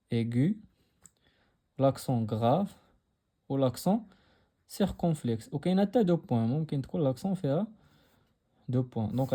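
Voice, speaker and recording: A man's voice: mid-range voice, warm tone. A young Moroccan man teaching a lesson in a patient way, repeating his phrases and switching between French and Arabic. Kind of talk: explaining a textbook lesson.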